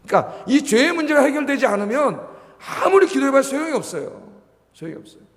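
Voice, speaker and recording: High-voiced Korean pastor preaching in a church hall. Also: male voice, sing-song, quick pace, a bit bright. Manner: exhorting, rhetorical questions, frequent "예?" prompts. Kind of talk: sermon. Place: church sanctuary. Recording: long hall reverb.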